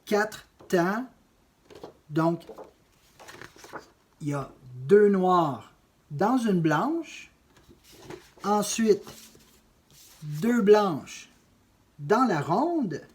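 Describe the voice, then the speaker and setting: A man's voice: high-pitched, big pitch swings, extremely slow, long pauses. A man teaching a drum lesson, explaining note values step by step and counting beats aloud. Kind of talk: music lesson.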